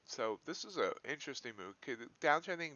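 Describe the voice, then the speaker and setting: A man hosts a live trading stream as a futures trader, thinking aloud in casual, folksy commentary. His medium-pitched voice swings widely in pitch, moves fast, and has a sharp tone with no echo. The livestream audio is dull and lo-fi.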